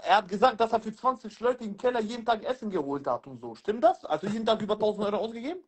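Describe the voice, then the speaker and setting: A man's voice: high voice, big pitch swings, racing, slightly rough. A man bantering casually on a phone livestream, teasing and slangy, with Arabic interjections. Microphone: phone, video call livestream.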